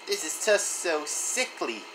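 A man doing a high scared girl dog villager. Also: very animated, takes it slowly, noisy background. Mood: frightened. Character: frightened weak female villager dog.

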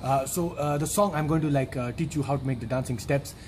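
A man, playing a flustered, pretentious dance choreographer in halting, repetitive broken English. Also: mid-range voice, darkish tone. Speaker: comedian playing a song choreographer. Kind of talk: comedy sketch monologue. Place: outdoor walled yard. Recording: noisy outdoor camera audio.

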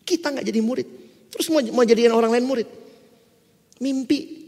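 A man preaching a sermon, telling stories casually and then breaking into forceful exhortations. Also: extremely high pitch, normal speed. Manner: lively, colloquial storytelling with sudden forceful exhortations. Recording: long hall reverb.

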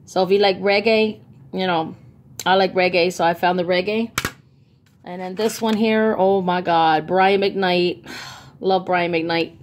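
Holding her phone off camera, a woman shows off bargain buys in a relaxed haul video, enthusiastic and talkative with many ums. She speaks at a measured pace in a steady, lowish voice over a faint hiss or hum.

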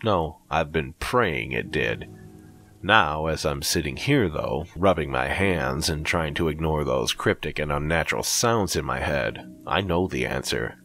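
A man narrating a scripted horror story in a measured, dramatic manner. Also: rumbling low, animated, fairly bright tone.

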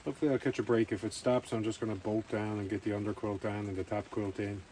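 A man's voice: on the low side, little pitch movement, fast talker, warm tone, rough recording. A man rambling casually to camera as he narrates a camping vlog outdoors. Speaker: camping vlogger. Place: outdoors at a rainy campsite. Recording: faint outdoor ambient noise.

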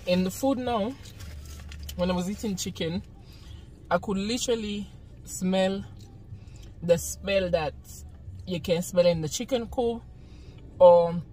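A woman's voice: medium pitch, slow pace, pauses often, dark tone, slight background noise. A young Jamaican woman chatting casually while eating on camera in a parked car at night, often breaking into laughter. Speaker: vlogger. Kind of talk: casual eating-show chat.

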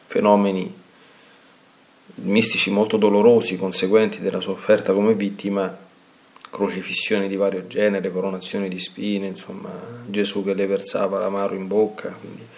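Lowish-voiced priest reading slowly. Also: male voice, flat delivery, a little mellow. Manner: measured, slow with pauses. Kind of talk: devotional reading and sermon commentary.

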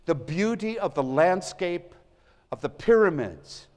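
Male pastor, slightly higher voice, earnest sermon delivery with big volume swings, church hall reverb. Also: lively intonation, a little slow, darkish tone. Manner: earnest, swells and drops in volume for emphasis. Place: church sanctuary.

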